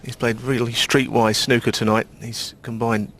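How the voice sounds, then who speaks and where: A man of medium pitch offers low-key snooker commentary. His remarks are short, hushed and conversational, never rushed. Faint noise and clicking lie behind the voice. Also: little pitch movement.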